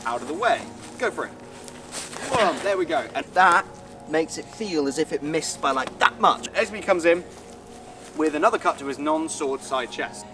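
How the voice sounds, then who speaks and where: Upbeat British male fight coach with a higher voice, talking through moves over clear background music. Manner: energetic, with playful sound effects. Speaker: fight choreographer. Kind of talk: casual instruction.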